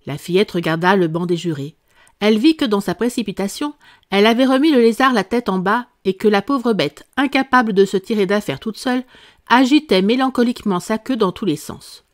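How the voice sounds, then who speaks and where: Expressive French woman reading a storybook. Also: mid-range voice, a little fast. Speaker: audiobook narrator. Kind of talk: scripted narration.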